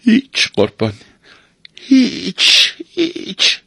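A crafty young servant girl, put on by a man reading a storybook, pipes up in a high, husky voice that leaps around wildly. She cries out shrilly or drops to a hushed warning. The sound is close and dry. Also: big pitch swings, no echo, heavily acted. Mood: shrill. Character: clever scheming young female servant.

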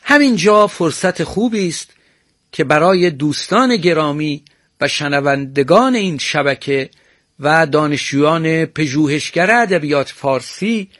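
A man's voice: fairly high pitch, lively intonation, fairly bright tone, no room sound, clean studio sound. Courteous man teaching poetic meter. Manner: formal, courteous, slow chanting of meters. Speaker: teacher of Persian prosody. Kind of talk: broadcast lesson on poetic meter.

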